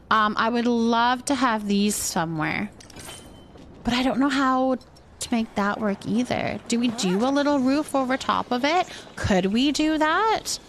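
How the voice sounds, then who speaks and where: A woman with a fairly high-pitched voice hosts a livestream, chatting casually and thinking aloud while playing a building game. There's a little hiss or hum in the recording.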